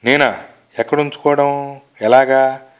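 A man's voice: on the high side, fast talker, clear, resonant tone, voice pushed up, close to an everyday voice. A man doing a flustered, blustering middle-aged man. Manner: blustering, easily rattled.

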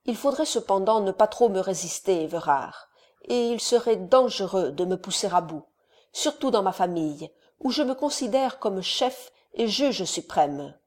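A woman's voice: medium pitch, expressive, a little mellow, lightly acted. Woman reading a stern older count. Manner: measured, solemn, persuasive. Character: scheming aristocratic father, older male count, stern.

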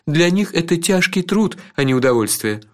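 A man's voice: a little high, very animated, normal speed, pitched above the performer's own voice. A man voicing a worldly older male companion who gives advice in a knowing, teasing way.

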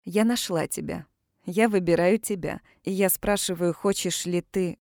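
A bold, teasing former army doctor in a storybook romance, read by a woman narrator. She is blunt and playful. The voice sits low and the recording is dry. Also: normal speed, creaky, a little mellow, dry recording. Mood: pleading.

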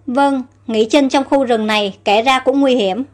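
A woman's voice: high-pitched, a little slow, faint music behind. A woman reading the lines of a loyal male attendant who is caring and eager, in a storybook narration.

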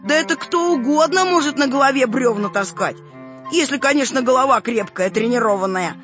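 A woman's voice: sits high, expressive, fairly quick, a bit bright. A woman voicing a cheeky, inventive young boy in a children's audiobook, reading his lines playfully. The recording is a little dull, with faint music underneath.

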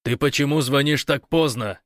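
A man's voice: mid-range voice, lively intonation, a little fast, dry recording, studio quality, pitched above the performer's own voice, lightly acted. A man voicing Gosh, a grumbling, sardonic young man who complains and snaps at his friends. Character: grumbling, envious young man stuck at a switchboard.

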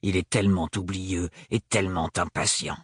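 A man's voice: deep voice, level tone, a little slow, husky, no echo, studio quality, pitched below the performer's own voice, heavily acted. A man voicing a tall, stern and cold nobleman in an audiobook, curt and hard in his delivery.

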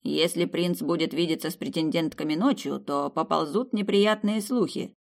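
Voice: mid-range voice, normal speed, creaky, close to an everyday voice. A reader doing a stubborn, polite palace guard. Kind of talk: audiobook character voice.

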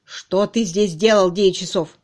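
A woman reading an angry shouting police inspector. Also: mid-range voice, steady tone, moderate pace, natural voice. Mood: interrogating. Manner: shouting, scolding. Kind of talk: audiobook reading.

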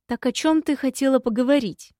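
A gloomy long-eared male imp who grumbles and sighs through every reply, as a woman reads him in an audiobook. The voice sits fairly high, recorded dry and close with no room sound. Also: brisk, dark tone, dry recording, close to an everyday voice. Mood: grumbling. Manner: grumbling, sighing. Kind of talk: audiobook reading.

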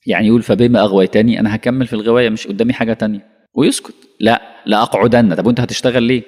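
Fast-talking Egyptian preacher in a reverberant hall. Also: male voice, fairly low pitch. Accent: Egyptian Arabic. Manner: animated, rhetorical questions, acts out dialogue. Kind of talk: colloquial religious lesson.

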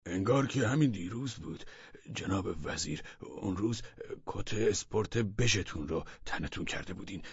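A man voicing a fawning, flattering male deputy minister who talks in a raised, excited way. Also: lowish voice, breathy edge, no room sound, highs cut off.

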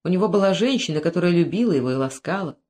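A narrator reading a historical novel in an even, measured storytelling voice. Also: medium pitch. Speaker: audiobook narrator. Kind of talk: literary narration.

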